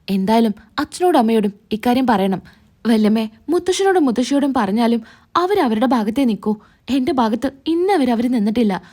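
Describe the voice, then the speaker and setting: A woman's voice: on the high side, darkish tone. Woman retelling a TV serial episode. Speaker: serial recap narrator. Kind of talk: retelling a TV serial, reading out every character's lines.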